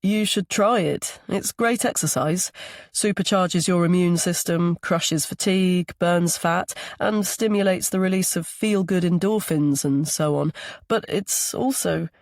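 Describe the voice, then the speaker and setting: A woman's voice: lowish voice, a little slow, darkish tone, no room sound, studio quality. A woman reading the part of a charming, attentive man on a date, speaking in an easygoing, persuasive way. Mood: friendly.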